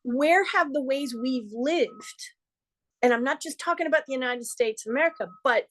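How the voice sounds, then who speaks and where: A middle-aged woman hosts an astrology forecast in a somewhat high voice. She talks earnestly and conversationally, slipping in playful asides. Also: normal speed. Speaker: astrologer host.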